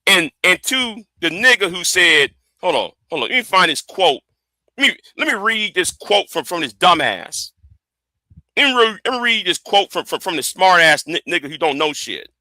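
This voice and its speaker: A man's voice: high-pitched, big pitch swings, normal speed, bright, forceful tone, no echo. A man hosting an informal livestream rant, stammering and often repeating the starts of his phrases. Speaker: livestream host.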